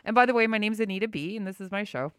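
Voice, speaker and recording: A woman's voice: medium pitch, rapid-fire, a bit bright, clear, resonant tone, dry recording. A middle-aged woman talking through a face mask, slightly muffled, chatting informally and rambling as she hosts a radio fundraising show. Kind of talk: casual unscripted radio fundraising chat. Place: radio studio.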